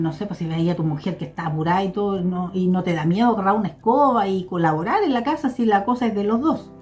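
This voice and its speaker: A Chilean woman speaks in a relaxed, reflective way, sharing personal memories with her viewers. She hesitates often and takes her time, her voice sitting at an ordinary middle pitch. Faint music plays behind her. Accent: Chilean Spanish. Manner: slow, reflective, hesitant with many fillers. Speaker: vlogger. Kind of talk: personal storytelling to camera.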